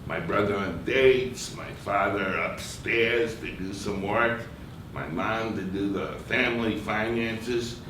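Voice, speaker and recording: An older man delivers a wry, reflective comic monologue at an unhurried pace. He sounds far from the mic in a very echoey theater, with clear hiss underneath. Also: lowish voice. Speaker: stage performer. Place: theater stage. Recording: distant echoey stage recording with hiss.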